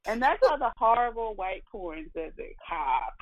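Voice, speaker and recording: A woman co-hosting a casual chat, blunt and quick to laugh. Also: a little high, lively intonation. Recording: dull lo-fi audio.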